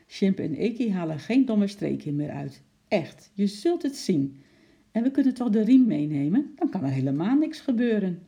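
A storybook reader voicing an eager young girl who pleads and chatters with excitement. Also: mid-range voice, moderate pace, pitched above the performer's own voice. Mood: pleading. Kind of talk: children's audiobook reading.

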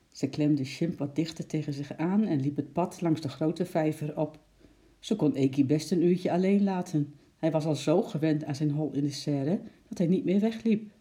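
A narrator reading a children's storybook aloud with a steady, expressive delivery. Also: medium pitch.

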